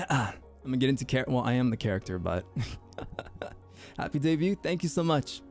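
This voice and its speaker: A man's voice: mid-range voice, very animated, a little mellow, soft background music. A young man streaming his VTuber debut, goofy and joking, often tripping over his words in restarts. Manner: goofy, joking, quick to laugh; stammering restarts. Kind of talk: casual livestream chat.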